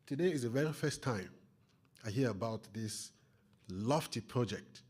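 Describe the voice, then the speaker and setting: A man with a Cameroonian accent and a husky voice, putting a formal, polite question from the audience at a public talk. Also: medium pitch, lively intonation, normal speed, darkish tone. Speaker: audience member asking questions.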